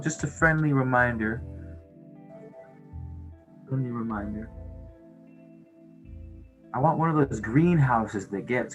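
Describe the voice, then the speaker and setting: A man's voice: medium pitch, fairly bright tone. A man hosting a casual livestream, rambling in a laid-back, slangy stoner way with some swearing. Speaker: livestream host chatting with viewers.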